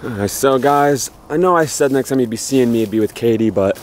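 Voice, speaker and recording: A man's voice: medium pitch, fairly quick, close to an everyday voice. A young man playing an amateur filmmaker in a found-footage film, talking casually to viewers on a wooded trail. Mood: slightly uneasy. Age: young adult. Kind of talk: found-footage film acting, addressing camera. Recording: noisy outdoor camera sound.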